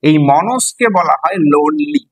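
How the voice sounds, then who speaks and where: Male teacher, Bengali accent, husky and slightly high voice, patient classroom explainer who spells terms out. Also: expressive, unhurried, rough recording. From West Bengal. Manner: spells words letter by letter, asks students questions. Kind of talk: explaining a poem to students.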